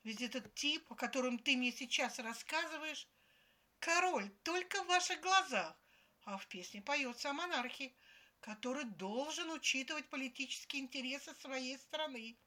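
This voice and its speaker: A woman's voice: high-pitched, expressive, moderate pace, pushed and bright, voice pushed up. A woman voicing a smug young man who lectures his girlfriend in a condescending tone. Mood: lecturing.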